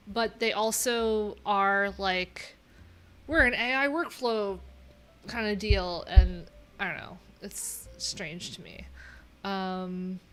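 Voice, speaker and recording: A slightly bright, medium-pitched voice belongs to a middle-aged web developer who hosts a casual live coding stream from a small room at home. She thinks aloud and reads from her screen, adding wry, offhand asides.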